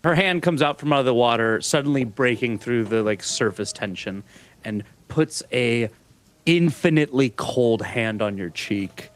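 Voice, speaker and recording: A man's voice: mid-range voice, expressive, moderate pace. A man at a tabletop game who jokes and teases boisterously. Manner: boisterous, often laughing, teasing. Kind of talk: casual tabletop play. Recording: faint background music.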